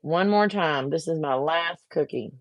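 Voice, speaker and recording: In a low-pitched, unhurried voice, a craft vlogger talks casually to her viewers as she works on a project, getting frustrated and muttering to herself. The recording sounds dry and muffled.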